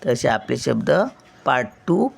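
With a bass voice that is gravelly with a breathy edge, a grandmother teaches children English word sounds, a little slowly but with lively intonation. She spells every word letter by letter, then says it, frequently adding a quick "hm?" to check.

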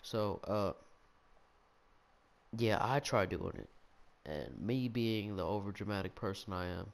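A young man telling a childhood story in a rambling, animated, self-mocking way, with lots of restarts. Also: on the low side, measured pace, gravelly. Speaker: gaming video storyteller.

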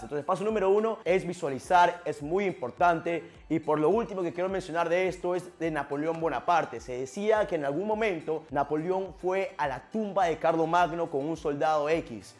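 Energetic young man, slightly high voice. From Peru. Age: 20s. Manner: energetic and earnest, addresses the viewer directly, frequent restarts. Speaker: motivational speaker. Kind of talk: motivational talk to camera.

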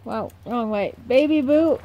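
Outdoors at a barn and paddock, a vlogger and horse trainer in her twenties talks casually into a phone at arm's length, mixing vlog chat and voice-over with affectionate words to her horses. Her voice is fairly high and a little slow, and the recording is muffled.

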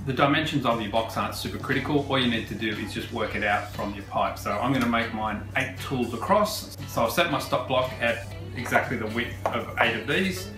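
A man, a woodworking host who explains a project in a relaxed, chatty way with fillers. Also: medium pitch, brisk. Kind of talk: casual how-to narration. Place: large home workshop, indoors. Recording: roomy workshop sound, mic at a distance, music under the voice. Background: background guitar music.

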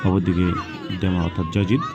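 A man's voice: low-pitched, level tone, quick pace, over loud music. A man giving live football commentary on a penalty shootout, announcing each kick in short, repeated phrases. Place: outdoor football ground. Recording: loud outdoor crowd and ambient noise.

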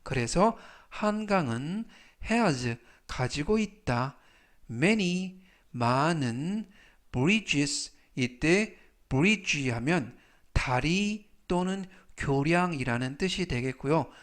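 Slow, deliberate Korean-speaking English teacher. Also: male voice, a little high, animated, a bit bright. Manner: spells out pronunciation, repeats each word slowly. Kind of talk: slow explanatory vocabulary lesson.

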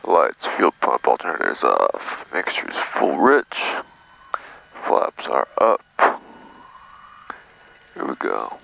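A man flying a small plane, talking through his cockpit headset intercom in calm, clipped radio phrasing. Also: very deep voice, takes it slowly, vocal fry, pauses often. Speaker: private pilot. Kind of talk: flying vlog with radio calls and checklists. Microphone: aviation headset. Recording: muffled intercom with engine noise.

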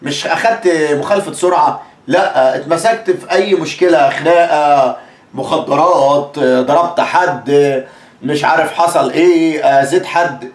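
A man's voice: a little high, normal speed, echoey room. A man from Egypt with an Egyptian Arabic accent, teaching English pronunciation in a chatty, repetitive way and acting out examples. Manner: chatty, repeats words, acts out examples. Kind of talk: casual spoken lesson.

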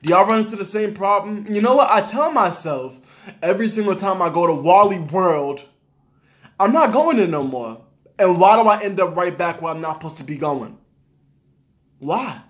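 A man with a high voice rants straight to his viewers in a casual vlog. He talks in loose slang and circles back to the same lines for emphasis, exasperated and animated. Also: normal speed. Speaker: vlogger.

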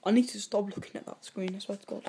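Her voice is gravelly yet mellow and soft around the edges, pitched mid-range and steady in tone, as this woman vlogs casually into her phone camera. She rambles, interrupts herself mid-sentence, and is quick to say sorry, giving the clip an offhand, homemade feel.

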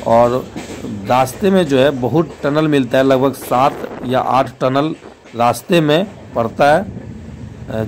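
A man narrates a voice-over for his travel vlog, giving informative tips to his viewers. His pitch is mid-range for a man. Clear background noise runs under his voice. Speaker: travel vlogger.

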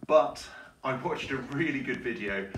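A man's voice: medium pitch, measured pace. Man chatting in a roomy kitchen, off-mic. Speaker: fitness vlogger. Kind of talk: casual chat to camera. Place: home kitchen, indoors. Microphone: camera a couple of metres away. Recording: roomy, distant mic, background noise.

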